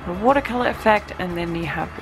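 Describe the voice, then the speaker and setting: With music in the background, a fast-talking vlogger unboxes her stationery subscription box, cooing over the little items in a casual chat. Her lowish voice has lively intonation and a slight nasal tinge from a cold.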